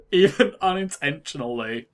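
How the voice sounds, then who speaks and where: A man from the UK talks through a game in a relaxed, sweary commentary voice that sits a little high for a man. He chuckles easily as he goes. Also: unhurried, a crowd in the background. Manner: laid-back, sweary, laughs often. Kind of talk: casual gameplay commentary.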